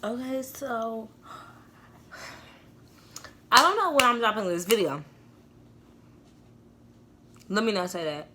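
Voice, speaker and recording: A woman's voice: on the high side, animated, takes it slowly, long pauses, background noise. A young woman hosting a casual mukbang at home, chatting directly to her viewers.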